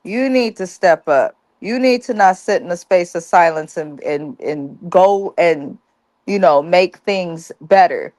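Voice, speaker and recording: A woman's voice: lowish voice, unhurried, a little mellow, dry recording. A woman co-hosting a TV recap, talking bluntly and profanely in a casual, ranting way. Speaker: co-host of a TV recap show. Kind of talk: casual review chat.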